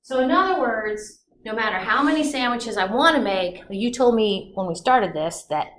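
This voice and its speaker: A woman's voice: on the high side, expressive, normal speed, fairly bright tone, slight background noise. A woman teaching a general chemistry class in a lecture, chatty and asking her students questions as she goes. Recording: echoey classroom recording.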